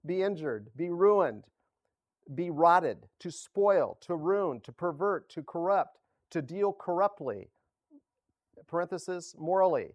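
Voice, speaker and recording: Pastor, male, casual halting sermon delivery, unhurried, dry close sound. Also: high-pitched, lively intonation, no room sound. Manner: halting, self-correcting, chuckles often.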